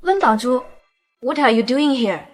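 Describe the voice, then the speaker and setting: A woman's voice: high voice, lively intonation, a little slow, soft background music. A woman playing a jealous, scheming young rival in a dubbed drama who speaks with possessive scorn. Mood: scornful.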